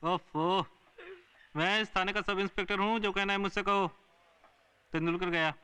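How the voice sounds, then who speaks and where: An actor playing a dismissive police sub-inspector who mocks a visitor. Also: male voice, sits high, steady tone, normal speed, pushed and bright, smooth, in a large hall. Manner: mocking, dismissive.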